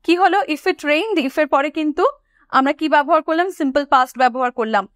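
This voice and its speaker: A woman teaching an English lesson. She explains each point and asks her students questions, then slows down to say each English example sentence clearly. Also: sits high, fairly bright tone, no room sound, studio quality. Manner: asks the class questions, then answers them. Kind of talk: classroom explanation.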